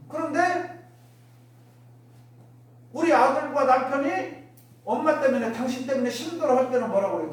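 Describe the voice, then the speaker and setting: Miked from a distance in an echoey worship hall with faint background noise, a woman minister with a fairly high voice delivers a Won Buddhist dharma talk. She poses rhetorical questions to her congregation and acts out everyday remarks in different voices.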